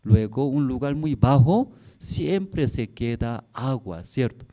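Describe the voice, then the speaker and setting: Slow, mellow male pastor preaching. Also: mid-range voice, expressive. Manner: simple, halting Spanish with broken grammar; acts out quoted voices, rising and falling in loudness. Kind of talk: sermon. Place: church service, streamed online.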